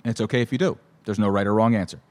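A man in his thirties with a hoarse, shot voice, hosting a casual show solo in a halting, jokey, self-correcting way. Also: lowish voice, steady tone. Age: 30s. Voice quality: hoarse, worn-out voice. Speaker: solo host of a fantasy football show.

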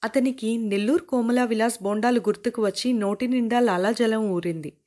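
A woman narrating a novel as an audiobook, telling the story in a lively way. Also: fairly high pitch, moderate pace.

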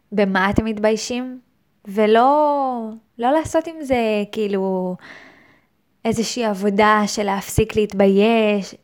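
A woman hosting her own podcast, speaking in a thoughtful, hesitant monologue with frequent restarts. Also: medium pitch. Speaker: podcast host. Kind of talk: reflective solo monologue.

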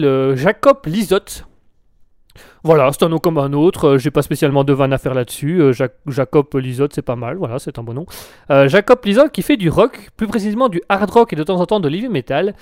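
Giggly high-voiced male host. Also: darkish tone, no echo, studio quality. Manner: giggly, playful, often bursts out laughing. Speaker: show host. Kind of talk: casual joking live show chat.

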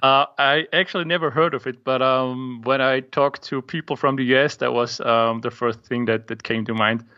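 The interview guest, a young app maker from an Austrian, German-speaking background, calls in remotely from his home office for a casual chat about his app and speaks hesitantly with lots of ums. His mid-range voice is steady, pushed and bright, at a moderate pace with few pauses. The recording is muffled.

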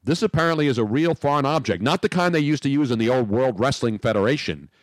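A man's voice: mid-range voice, fast, no echo, clean studio sound. A man hosting a sports radio talk show, joking and ranting in casual banter with his co-host. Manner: brash, joking, animated rants.

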